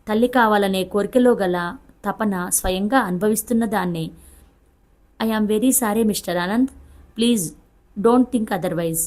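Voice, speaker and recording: A woman reading a Telugu family novel aloud in a steady, expressive storytelling voice. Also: medium pitch. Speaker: audiobook narrator.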